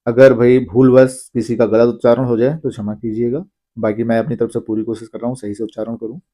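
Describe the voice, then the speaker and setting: A man teaching an exam-prep lesson, reading long lists of names slowly and pausing to explain. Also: medium pitch, flat delivery, mellow. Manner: reads names slowly, apologizes for pronunciation.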